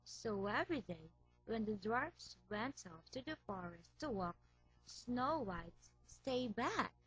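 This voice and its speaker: A woman reading a fairy tale aloud as storyteller, slow and careful. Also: on the high side, expressive, fairly bright tone, breathy edge, soft background music, poor audio.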